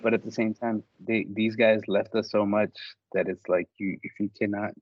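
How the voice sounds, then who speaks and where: A man's voice: on the low side, flat delivery, moderate pace, no room sound. Tipsy earnest man on a dull earbud mic. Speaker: podcast guest. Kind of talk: casual podcast chat.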